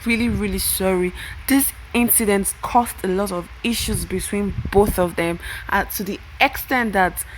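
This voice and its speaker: A woman's voice: medium pitch, normal speed, a little hiss or hum, poor audio. A young woman casually recapping a web series episode, talking straight to the characters. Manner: chatty, emotional asides to the characters.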